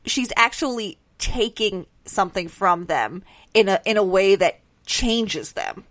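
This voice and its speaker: Woman, podcast co-host, brisk casual recap delivery, dry mic. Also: medium pitch, no room sound. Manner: quick, animated recapping with quoted voices.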